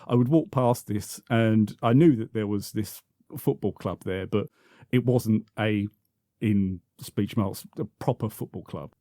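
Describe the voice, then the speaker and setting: A man's voice: medium pitch, warm tone, no room sound, studio quality. A man, reminiscing as a podcast guest, full of restarts and repeated words. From South London, England. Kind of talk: reminiscing conversational interview.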